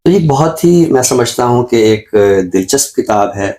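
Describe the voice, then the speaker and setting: A male presenter with a Pakistani accent and a medium-pitched, warm, animated voice gives an unscripted book review on his show. He explains in a measured, scholarly way.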